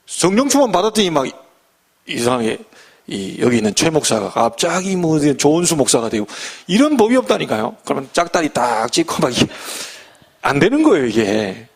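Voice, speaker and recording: A man's voice: fairly high pitch, breathy edge. A middle-aged male pastor giving a folksy sermon full of humor and rhetorical questions.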